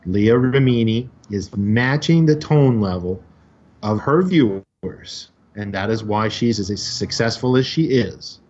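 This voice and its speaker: A man's voice: lowish voice, expressive, slow, a little mellow. A man co-hosting a podcast, explaining at length in casual discussion and now and then acting out the people in his examples. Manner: explains at length, acts out quoted voices. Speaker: podcast co-host. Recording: dull lo-fi audio.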